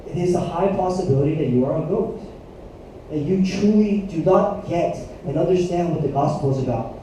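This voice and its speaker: A man in his thirties, a youth pastor preaching a sermon with animated storytelling and questions to the room. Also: a little high, a little fast, slight background noise. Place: church hall. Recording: echoey hall, mic at a distance.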